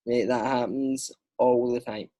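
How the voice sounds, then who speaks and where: Chatting on a podcast as a guest, the young Scottish actor tells animated stories and uses lots of fillers. He speaks unhurriedly in a medium-pitched voice.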